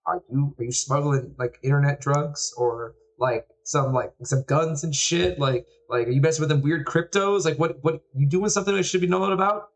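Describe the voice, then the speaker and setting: A man's voice: a little high, steady tone, moderate pace, few pauses, lightly acted. A man playing a suspicious, conspiracy-minded middle-aged father who rambles and stammers bluntly. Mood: prying.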